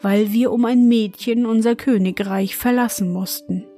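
A woman voicing a kind, cautious youngest brother in a storybook reading, calm and reassuring. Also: a little high, normal speed, soft background music, lightly acted.

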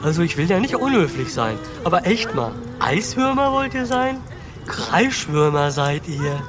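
A man's voice: sits high, big pitch swings, measured pace, music in the background. An actor voicing a cheerful young male foal who talks in casual slang in a children's audio drama. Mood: cheeky.

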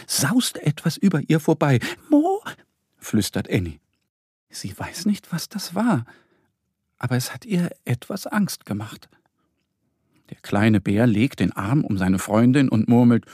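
Male storybook narrator, husky, lively pitch, dry close sound. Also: dry recording. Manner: expressive, gentle. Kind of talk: children's storybook reading.

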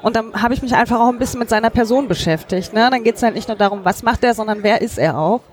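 A woman's voice: fairly high pitch, quick pace. A woman podcaster talking casually in an interview, thinking aloud with many fillers. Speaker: podcaster, guest. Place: busy hacker congress hall.

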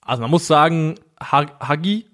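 Ein Mann, der als Co-Host in einem lockeren Podcast ruhig und sachlich Fußballspiele analysiert. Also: male voice, fairly high pitch, a bit bright. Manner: measured, analytical. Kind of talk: casual football analysis.

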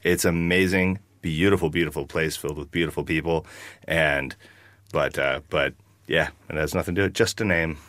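A man's voice: a bass voice, fairly even intonation, fairly quick, a bit bright, dry recording. A man from the United States, chatting about his band in a rambling, jokey interview. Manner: rambling, jokey, lots of fillers. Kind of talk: casual interview chat.

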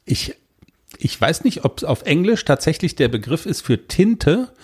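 Animated rambling man on a podcast. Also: fairly high pitch, measured pace, slightly rough. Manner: rambling, free-associating, animated. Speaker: podcast co-host. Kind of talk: casual chat.

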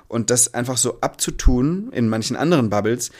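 Male interview guest, mid-pitched, earnest and thoughtful, conversational, feeling his way toward phrasing. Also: lively intonation, moderate pace, a little mellow. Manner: reflective, earnest, searching for words.

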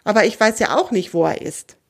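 A woman's voice: mid-range voice, a little fast, lightly acted. A woman voicing a small, cheeky female field mouse with a playful, teasing way of talking. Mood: explaining.

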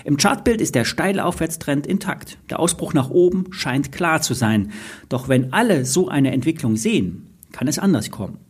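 A man's voice: on the high side, lively intonation, moderate pace, husky. A man presenting scripted market commentary as host of a financial podcast.

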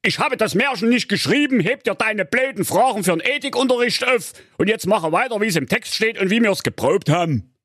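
A man's voice: high-pitched, animated, a little fast, fairly bright tone, breathy edge, no echo, studio quality, voice pushed up, heavily acted. A man voicing a choleric, round old king, blustering and ranting. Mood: grumpy.

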